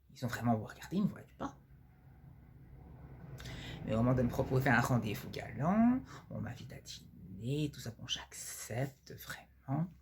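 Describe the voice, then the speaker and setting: A woman playing a vain, flirty blonde Parisian cabaret star who confides gossip coyly in a theatrical comic sketch monologue, her voice husky. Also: rumbling low, animated, darkish tone, voice pushed down, full character voice. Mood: coy, gossipy. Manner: coy, confiding, theatrical drawn-out words.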